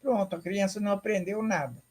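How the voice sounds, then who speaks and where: A woman giving an academic lecture, explaining slowly and deliberately, repeating herself and checking in with her audience. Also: mid-range voice, a little mellow, a little hiss or hum.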